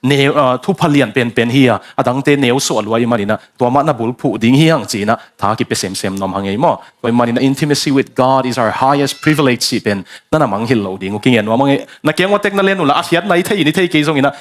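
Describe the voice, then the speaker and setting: A man's voice: medium pitch, animated, fast, hardly any pauses. A man preaching a sermon, building emphasis and dropping in English phrases.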